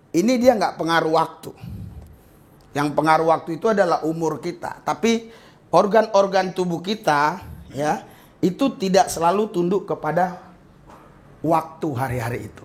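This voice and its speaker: High-voiced preaching man, swinging emphasis. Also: normal speed, pauses often. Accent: Indonesian. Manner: preaching with sudden jumps in pitch and loudness, acting out quoted speakers. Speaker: pastor. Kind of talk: sermon.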